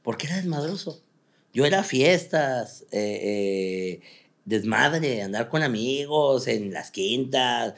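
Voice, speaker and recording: Man, Mexican Spanish accent, young adult, fast and animated, slangy storytelling, interview chat. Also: mid-range voice. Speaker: comedian guest.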